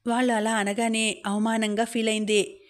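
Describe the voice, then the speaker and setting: A woman's voice: fairly high pitch, level tone, moderate pace. A woman narrating a novel as an audiobook, reading steadily and evenly. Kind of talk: scripted narration.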